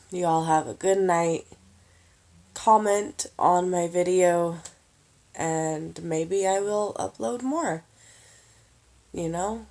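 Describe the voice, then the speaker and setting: A tired woman giving casual budgeting advice in a vlog, slow and halting with lots of pauses and fillers. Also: on the low side, a little mellow. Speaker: vlogger.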